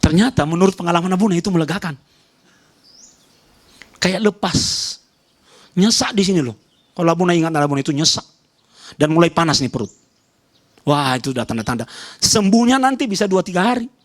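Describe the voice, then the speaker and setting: A male pastor from Nias preaching a sermon with emphasis. He swings between loud raised calls and soft low asides, repeats short phrases and speaks straight to the congregation. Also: lively intonation, fairly quick, long pauses. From Nias, Indonesia.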